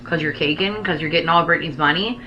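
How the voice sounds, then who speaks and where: A woman's voice: sits low, fast, highs cut off. A woman chatting casually as a talk show host, gossiping and giving emphatic, slangy opinions with free swearing.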